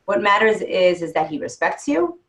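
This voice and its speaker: A woman's voice: medium pitch, sing-song, moderate pace, a bit bright. A woman dating coach giving frank, reassuring advice and sharing her own stories. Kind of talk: advice talk answering questions.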